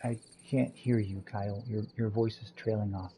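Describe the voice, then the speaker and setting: Man playing a teasing young woman, scolding, mellow voice. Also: fairly low pitch, steady tone, moderate pace, a little hiss or hum, pitched below the performer's own voice, close to an everyday voice.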